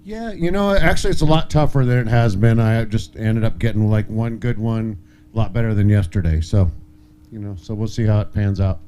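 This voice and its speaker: A man with a lowish, dark and relaxed voice chats casually as an angler at a lakeside weigh-in. The live sound is noisy, with a faint hum. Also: fairly quick. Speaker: tournament angler and magazine owner. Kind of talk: casual interview chat.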